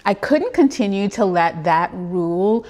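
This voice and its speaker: A business coach from Trinidad, whose accent blends in Brooklyn and Texas, gives an earnest, chatty motivational talk on a live stream and greets viewers along the way. Her voice is medium-pitched, expressive and darkish in tone, with a measured pace.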